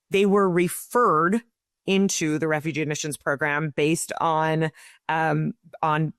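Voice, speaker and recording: A woman's voice: low voice, no echo, studio quality. A woman speaking as an interview guest, explaining her nonprofit's work in an earnest way with many small restarts. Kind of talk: interview answers.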